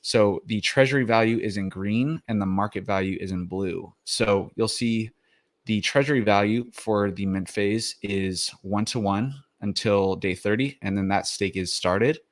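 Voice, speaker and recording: A man with a fairly low voice walks through his slides in a loose, rambling way. He is slightly out of breath and leans on fillers and restarts as he explains. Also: a little slow. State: out of breath after the gym. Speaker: crypto video host. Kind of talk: casual explainer presentation.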